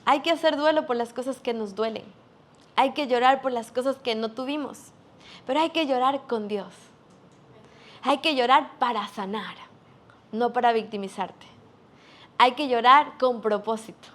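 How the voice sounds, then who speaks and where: Woman preacher, high pitch, earnest and emphatic sermon delivery. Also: measured pace, long pauses.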